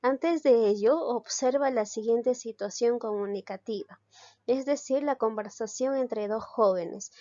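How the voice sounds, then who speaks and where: Speaking a little slowly in a mellow voice on the high side, a woman teacher gives a recorded online class. She explains things step by step, answers the questions she raises, and checks understanding with a brief tag question; the recording is dull, lo-fi, and dry.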